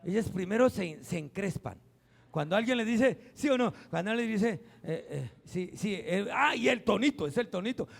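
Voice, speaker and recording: A middle-aged man, preaching a sermon as pastor, swinging between loud emphatic peaks and quiet acted-out asides. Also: high-pitched, animated, normal speed, creaky.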